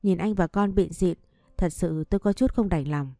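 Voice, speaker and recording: A woman's voice: lowish voice, moderate pace, dark tone, dry recording, studio quality, faint music behind. A woman narrating a first-person story in a sorrowful, heartfelt way.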